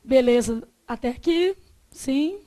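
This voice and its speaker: A woman with a Brazilian accent leads a grammar lesson in a high, light voice. She chats and jokes with the class and stretches out each example word slowly. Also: expressive, dark tone. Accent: Brazilian Portuguese. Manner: chatty, joking, drawn-out example words. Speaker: Portuguese teacher.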